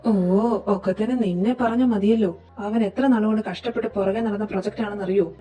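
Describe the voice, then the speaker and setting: A woman performing every role in a fan audio drama, in a lively, teasing and quarrelsome way. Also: medium pitch, quick pace, soft background music. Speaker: voice actor reading all parts.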